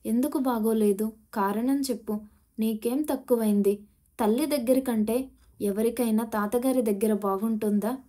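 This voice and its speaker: A woman's voice: on the high side, moderate pace, warm tone, close to an everyday voice. A woman voicing a stern, worried mother who scolds her daughter firmly, in an audio storybook. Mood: pleading. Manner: scolding, firm.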